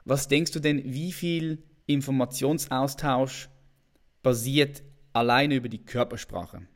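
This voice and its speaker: A man's voice: medium pitch, a little slow. A man hosting a video call interview, talking casually and often repeating his words. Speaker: interview host.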